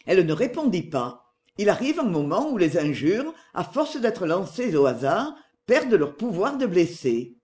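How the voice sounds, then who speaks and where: Audiobook narrator, scripted narration, expressive, lively pitch contour. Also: moderate pace.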